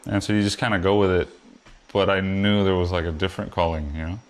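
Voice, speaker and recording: A low-pitched man talks at a quick pace: a foiler from Puerto Rico in his forties, here as a guest. In this casual chat he rambles comfortably, filling gaps with phrases like "you know."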